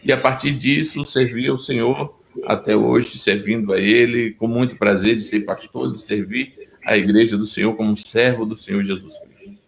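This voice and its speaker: Middle-aged Pernambuco-accented Brazilian pastor, gravelly low voice, earnest interview testimony. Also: male voice, fairly even intonation, normal speed, poor audio. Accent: Pernambuco Brazilian Portuguese. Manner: earnest storytelling, frequent restarts.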